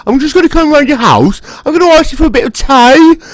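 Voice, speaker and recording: A man's voice: very high voice, animated, quick pace, dry recording, clean studio sound, voice pushed up. A man putting on a falsely polite Birmingham local who sounds chirpy but menacing. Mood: sly.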